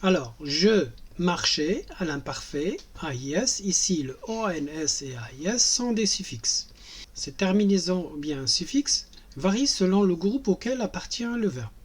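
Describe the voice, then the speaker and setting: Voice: medium pitch, animated, unhurried, slightly rough. A teacher giving a language lesson in French, patiently spelling out and repeating each verb form. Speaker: Arabic teacher.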